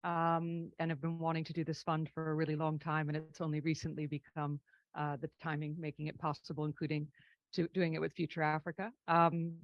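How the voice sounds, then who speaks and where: A woman talking into a handheld mic at a conference, her voice level and even in pitch. She introduces herself in brisk, clipped fragments, sure of herself. The sound is dry and a little dull and lo-fi. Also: no echo. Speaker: fund managing partner, panelist. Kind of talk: panel self-introduction. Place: conference hall. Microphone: handheld microphone.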